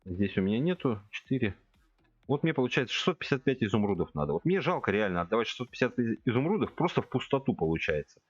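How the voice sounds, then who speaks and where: A man's voice: medium pitch, sing-song, quick pace, no echo, lo-fi sound. A man in his forties chatting casually with viewers as he plays, thinking aloud and speaking to his chat directly. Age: 40s. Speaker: game streamer. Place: home room at a computer.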